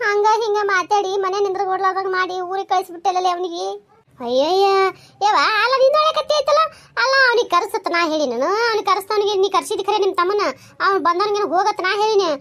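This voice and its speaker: A fretful middle-aged village mother from a cartoon scolds and laments in a piercingly high voice, as a woman voices her. She talks in a rapid rush with a North Karnataka Kannada accent. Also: a bit bright, slight background noise. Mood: scolding. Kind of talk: cartoon dialogue voicing.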